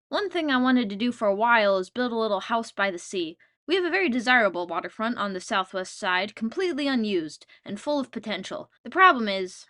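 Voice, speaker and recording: A woman's voice: a little high, a bit bright. Wry, self-mocking woman narrator. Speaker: video creator and narrator. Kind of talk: comedic game narration.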